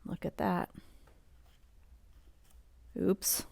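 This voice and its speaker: A woman with a dark-toned voice, captured in a dry recording, reads a picture book aloud for bedtime. She never rushes, chatting with the listener, drawing attention to details, and posing questions as she goes.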